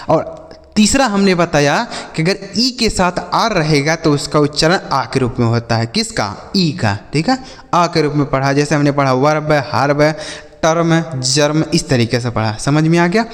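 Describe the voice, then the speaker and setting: Man teaching spelling, high-ish voice. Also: big-room sound. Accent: Hindi. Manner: spells words out slowly, asks and answers his own questions. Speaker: English teacher. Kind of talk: classroom lesson.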